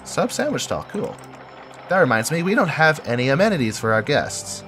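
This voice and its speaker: This man, a game video creator, has a head cold that makes his voice nasal and stuffy. Building in a game over music, he comments casually, thinking aloud and correcting himself, very animated at a moderate pace and a fairly high pitch.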